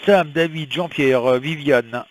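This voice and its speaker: A French tarot reader, a man, rambles and chats with many fillers through a casual weekly prediction vlog, coughing from a slight cold. His voice is fairly high and a little slow.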